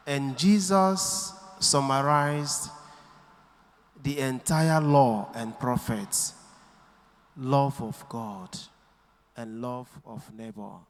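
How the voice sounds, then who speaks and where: A priest preaching a sermon into a pulpit microphone in a church, speaking deliberately and quoting scripture. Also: male voice, medium pitch. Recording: long church hall reverb.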